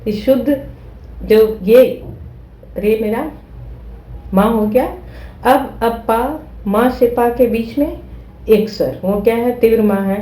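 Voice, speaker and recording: A woman's voice: fairly high pitch, slow, long pauses, warm tone, echoey room, low-quality recording. A woman teaching flute who explains patiently, repeating steps and checking that listeners follow. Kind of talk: explaining a music lesson.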